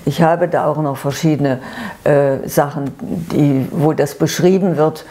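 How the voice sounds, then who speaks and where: A sweet, gentle woman in her nineties from eastern Germany tells her life story unscripted, haltingly, searching for words and repeating herself. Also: low-pitched, fairly even intonation. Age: 90s. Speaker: grandmother recounting her life.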